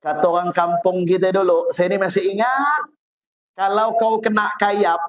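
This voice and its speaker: A man's voice: sits high, fairly even intonation, moderate pace. A man from West Kalimantan with a Malay accent, preaching a sermon in a chatty, teasing storytelling way. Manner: chatty, teasing, jokes with the audience. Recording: dull lo-fi recording.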